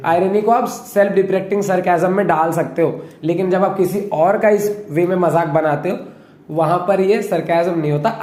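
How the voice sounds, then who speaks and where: A man's voice: sits high, darkish tone. A young man hosting a casual talk, explaining things and constantly checking in with his listeners. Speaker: host explaining a topic. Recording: echoey room.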